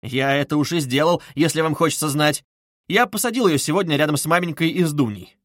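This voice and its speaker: A man's voice: a little high, brisk, no echo, studio quality, close to an everyday voice. A man reading aloud voices a brooding young man who speaks bluntly and with contempt. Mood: defiant.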